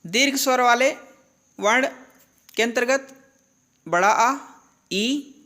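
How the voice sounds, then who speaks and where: A woman's voice: a little high, slow pace, a bit bright. A woman teaching a grammar lesson, who asks questions and answers them herself and repeats the key terms. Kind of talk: classroom-style lesson.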